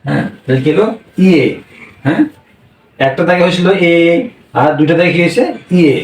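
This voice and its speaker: A man's voice: fairly high pitch, fairly quick, reverberant, distant mic, rough recording. A man teaching a language class, drilling sounds with repeated questions. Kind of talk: classroom lesson.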